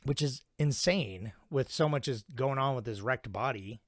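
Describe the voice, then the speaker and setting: A man's voice: medium pitch, normal speed, no room sound. Easygoing podcast guy, earnest, swears casually, dry mic. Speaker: podcast co-host. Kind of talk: casual film discussion.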